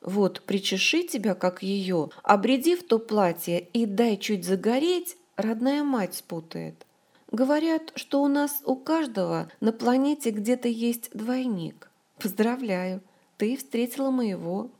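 An emotional, chatty young woman, as a female audiobook narrator puts her on, pouring out her story in rushes and exclamations. The voice sits higher and louder than the narration and leaps around expressively, though the tone stays soft and mellow. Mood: marveling. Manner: excitable, talks in rushes and exclamations. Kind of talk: audiobook character voice.

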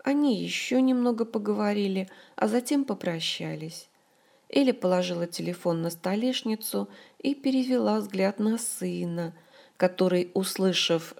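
A woman narrator reads a novel aloud in calm, even storytelling, letting her sentence ends settle down softly. Her voice sits in a middle pitch with a mellow, warm tone. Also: vocal fry. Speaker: audiobook narrator. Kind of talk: scripted audiobook narration.

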